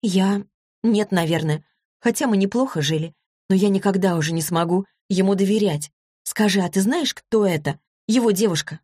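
A woman's voice: medium pitch, normal speed, warm tone, breathy edge, dry recording, studio quality, lightly acted. A woman reading a story, voicing an anxious, affectionate teenage girl who talks in an eager, pleading way. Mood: earnest.

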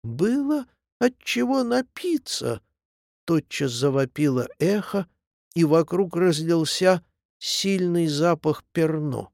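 A man playing a shrill drunken hill echo. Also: creaky, studio quality, full character voice. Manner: shrill, brash, shouting battle cries.

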